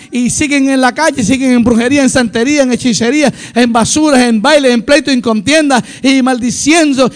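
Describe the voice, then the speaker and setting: A middle-aged male pastor preaching with passion, swinging between loud declarations and hushed asides. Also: very high-pitched. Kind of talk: sermon.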